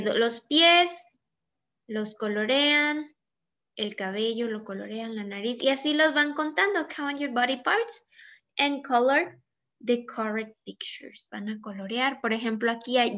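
A woman teaching children English in a recorded lesson, explaining patiently and reading English phrases very slowly. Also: fairly high pitch, fairly bright tone. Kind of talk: recorded online class.

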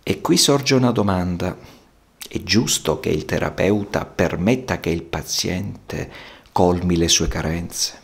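A psychotherapist giving a slow, contemplative monologue in measured, poetic phrasing. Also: male voice, sits low, gravelly.

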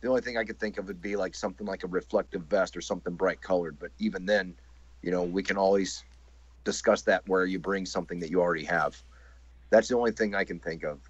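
A man's voice: deep voice, fairly even intonation, fast talker, husky, no room sound. A man in a call meeting, speaking plainly and matter-of-factly over dull call audio. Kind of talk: conference call discussion.

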